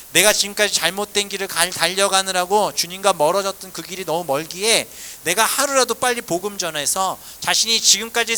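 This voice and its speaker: A South Korean pastor, probably in his forties, shares his personal testimony during a sermon. His high voice swings from loud exclamations to hushed asides.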